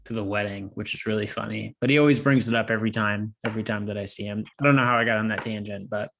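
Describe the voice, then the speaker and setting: This male podcast co-host rambles casually and keeps losing his train of thought. His fairly low voice is creaky, a bit nasal, and fairly bright, delivered quickly in a steady tone.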